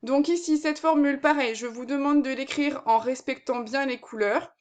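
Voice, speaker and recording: A woman's voice: high-pitched, moderate pace. A woman maths teacher giving a recorded lesson, explaining patiently step by step with frequent fillers.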